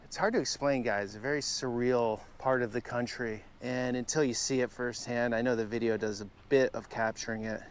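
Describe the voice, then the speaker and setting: A man interviewing for a documentary, speaking in measured, thoughtful phrases. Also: medium pitch, fairly even intonation, clean tone.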